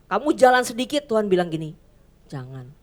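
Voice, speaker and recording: A woman pastor giving a sermon in church, chatty and lively, often acting out little voices. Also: mid-range voice, moderate pace. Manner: lively, conversational, acts out voices.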